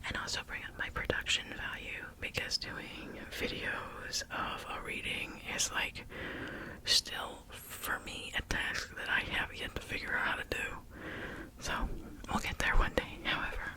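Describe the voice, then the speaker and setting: Slow, whispering ASMR creator. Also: poor audio. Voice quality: soft breathy whisper.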